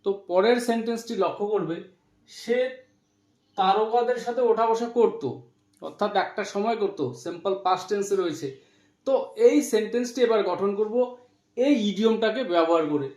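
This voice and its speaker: A man teaching spoken English, explaining in Bengali and saying English phrases slowly word by word. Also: sits high, a little mellow, roomy sound.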